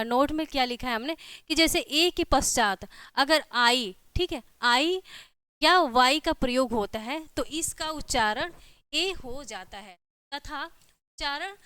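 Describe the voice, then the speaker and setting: With a Hindi accent and a high, slightly bright voice, a woman lectures her class, going over points again and again and saying "theek hai" ("ठीक है") after almost each phrase. There's no echo.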